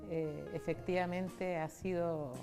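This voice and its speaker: A Chilean woman in her sixties, a foundation founder appearing as an interview guest, shares personal stories candidly and conversationally in Chilean Spanish, retelling dialogue along the way. Her fairly low voice is steady, slow and dark in tone, with faint music behind it.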